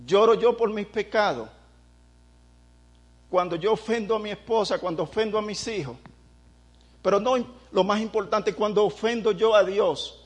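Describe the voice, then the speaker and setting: This male preacher's sermon is impassioned, swelling into loud prayers and rhetorical questions aimed at the congregation. He speaks high, at a moderate pace, and leaves long pauses.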